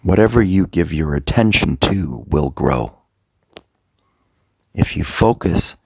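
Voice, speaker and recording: With a gravelly, husky voice that is extremely low, creaky and a little mellow, a man coaches a guided meditation and gentle motivational talk. He speaks slowly and deliberately, in short phrases broken by long pauses, and the recording is close and dry.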